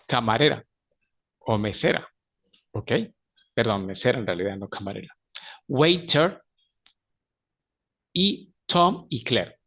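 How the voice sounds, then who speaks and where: A man's voice: mid-range voice, a bit bright. A man teaching an English lesson, who often stops to correct himself mid-sentence. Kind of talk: recorded language lesson.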